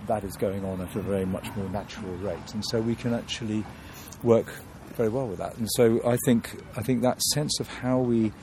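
A man's voice: fairly low pitch, steady tone, moderate pace, few pauses, background noise. A man from London, a guest in an interview, talking thoughtfully with many restarts and fillers.

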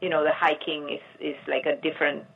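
A middle-aged artist from Argentina, giving thoughtful interview answers and searching for words with frequent restarts. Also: female voice, low-pitched, level tone, fast, vocal fry, breathy edge. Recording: muffled lo-fi line.

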